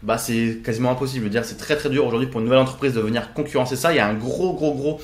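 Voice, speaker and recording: A man's voice: mid-range voice, racing. A man hosting his own investing channel, explaining in a casual, chatty way with many fillers and self-corrections. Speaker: investing YouTuber. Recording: roomy echo.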